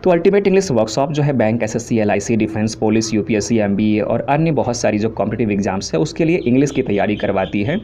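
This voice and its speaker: A man's voice: fairly low pitch, lively intonation, fast, hardly any pauses, warm tone. A man from India teaching English grammar in Hindi, listing terms steadily and explaining each in simple asides. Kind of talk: classroom lecture. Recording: dull lo-fi recording with faint hiss.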